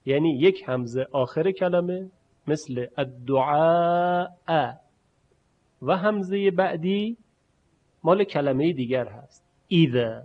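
Man teaching, slowly modeling sounds. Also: fairly high pitch. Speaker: recitation teacher. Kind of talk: spoken lesson. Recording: muffled lo-fi recording.

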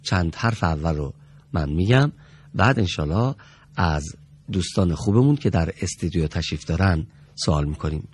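A man teaching Quranic pronunciation on a studio TV lesson, speaking slowly and carefully and drawing out sounds to demonstrate them. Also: low voice, animated, slightly rough. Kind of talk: TV recitation lesson.

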